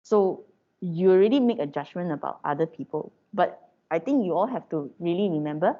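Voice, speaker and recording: Her voice is fairly low, animated and fairly quick as this woman from Malaysia lectures students informally in Malaysian-accented English. Fillers and tag questions run through her chatty delivery, captured on a dull, lo-fi recording.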